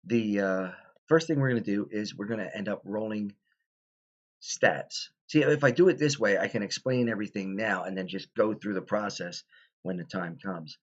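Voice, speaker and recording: A man with a very low voice talks through a tabletop game tutorial in a loose, rambling way, full of ums and restarts. He sounds tired, as if holding back yawns. The recording is dull and lo-fi. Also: moderate pace. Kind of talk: casual explanatory tutorial.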